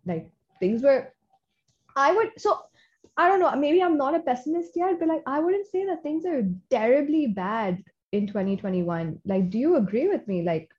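A woman's voice: sits high, very animated, normal speed, darkish tone. A woman with a Pakistani accent in a conversational discussion, speaking English with the odd Hindi-Urdu word. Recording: dull, lo-fi audio.

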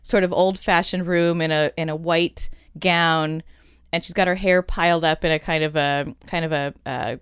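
A woman's voice: sits low, steady tone, normal speed, smooth, no room sound, studio quality. A middle-aged woman co-hosting a podcast in casual chat, wry and joking. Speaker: podcast co-host.

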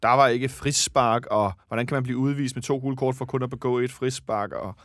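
A man's voice: mid-range voice, fairly even intonation, a bit bright, dry recording, studio quality. A man hosting a casual fan chat about a football match, rambling and correcting himself as he goes. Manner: chatty, rambling, self-correcting. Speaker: football podcast host.

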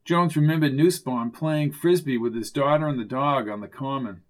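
A man narrating a mystery audiobook in an even, measured reading voice. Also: medium pitch.

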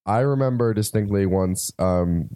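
A man's voice: on the low side, unhurried, mellow, dry recording. A tired young man co-hosting a podcast in casual chat, rambling with lots of fillers. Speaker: podcast co-host.

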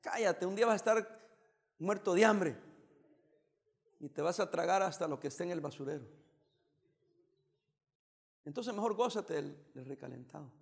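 A pastor from El Salvador giving a joking, teasing sermon with bursts of emphasis. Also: male voice, high voice, lively intonation, normal speed, vocal fry, pauses often, in a large hall.

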